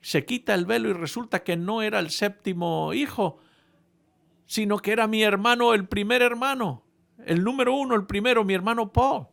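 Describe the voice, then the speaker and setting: A man preaching a sermon, telling a humorous story to his congregation in a playful, animated way with frequent restarts. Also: high voice, moderate pace, vocal fry.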